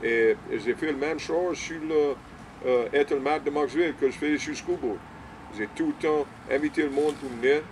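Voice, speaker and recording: An older man from Louisiana with a Cajun French accent, chatting in a halting, repetitive way and mixing in English words. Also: a little high, slight background noise, rough recording. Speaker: small-town mayor being interviewed. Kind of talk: casual conversational interview.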